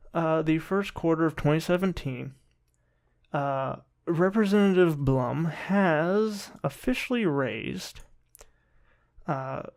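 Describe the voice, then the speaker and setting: A man giving casual political commentary in a rambling, halting and sometimes sarcastic way, often restarting his sentences. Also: on the high side, darkish tone. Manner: rambling, halting delivery with repeated false starts. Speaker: political commentary video host.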